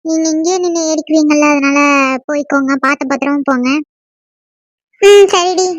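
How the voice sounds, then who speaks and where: A woman's voice: sits high, normal speed, no echo, natural voice. A woman voicing chatty, teasing young college girl friends in a cartoon. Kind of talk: cartoon voice acting.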